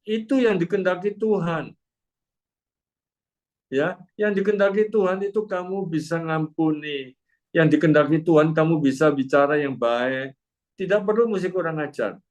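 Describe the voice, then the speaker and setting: A man's voice: fairly high pitch, normal speed, darkish tone. An older man, preaching a sermon as a pastor and telling stories to the congregation. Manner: storytelling, addresses congregation as "Saudara", emphatic repetitions.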